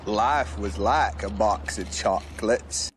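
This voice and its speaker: An actor playing a gentle, simple-hearted man in a film clip, speaking slowly and earnestly. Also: on the low side, a little hiss or hum.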